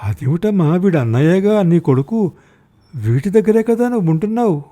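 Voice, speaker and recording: A man's voice: fairly high pitch, normal speed, mellow, voice pushed up, close to an everyday voice. A man voicing a grown son who speaks to his forgetful mother in an earnest, pleading way. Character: grieving middle-aged son, pleading.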